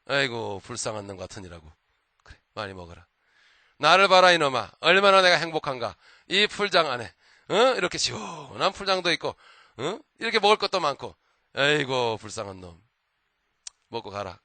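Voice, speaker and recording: A man's voice: fairly high pitch, big pitch swings, normal speed, sharp tone, no room sound, exaggerated voice. A man voicing a smug, lazy male zoo bear who brags and mocks in a drawl. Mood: mocking. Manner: boastful, mocking drawl.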